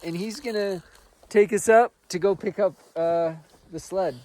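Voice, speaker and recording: A man's voice: high-pitched, a little slow, no echo. A man casually narrating an outdoor vlog in the snowy mountains, chatty and joking, with exclamations. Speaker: vlogger. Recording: loud wind and engine noise outdoors.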